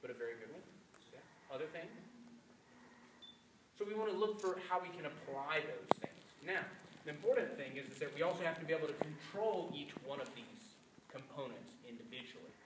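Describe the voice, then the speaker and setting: A man's voice: a little high, animated, fairly quick. A man teaching a music master class, explaining and quizzing his students with energy. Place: concert hall or classroom. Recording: echoey room from a distant mic with noise.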